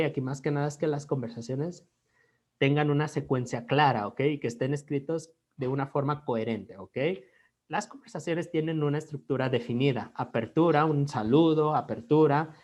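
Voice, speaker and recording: A male English teacher with a Mexican accent goes through a grading rubric in an online class. He mixes Spanish and English and keeps checking in with "ok?" between short phrases. His pitch sits in a middling range for a man. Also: darkish tone. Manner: switches between Spanish and English, says "ok?" after nearly every phrase.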